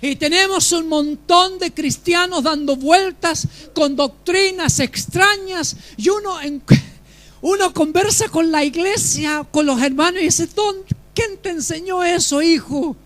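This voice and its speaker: A man delivers a sermon as a pastor, with a voice pitched unusually high for a man. He preaches with emphasis and keeps turning to the congregation with questions. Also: measured pace, a bit bright.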